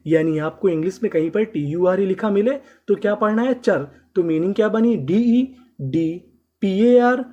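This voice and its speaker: Mellow, husky-voiced woman teaching English reading. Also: mid-range voice. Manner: slow drilling repetition of syllables and words; asks and answers her own questions. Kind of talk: classroom lesson, spelling out words letter by letter.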